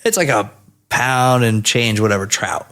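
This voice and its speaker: A man in his thirties from New Jersey, telling stories as a podcast guest in a casual, animated and profane way. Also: medium pitch, normal speed.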